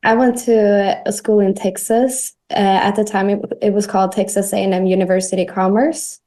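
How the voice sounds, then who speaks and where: Young swedish woman guest, soft hesitant talk, swedish first language. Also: mid-range voice, little pitch movement, normal speed. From Sweden. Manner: soft-spoken, hesitant with fillers. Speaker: guest athlete.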